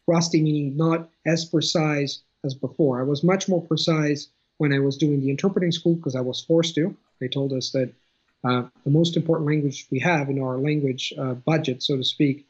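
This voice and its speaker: An Italian man in his thirties, with an Italian accent, appears as an interview guest on a video call from home, chatting casually and thoughtfully while often restarting his phrases. His voice is fairly high and darkish with a breathy edge, fairly even in intonation and a little fast. The webcam audio sounds dull and lo-fi.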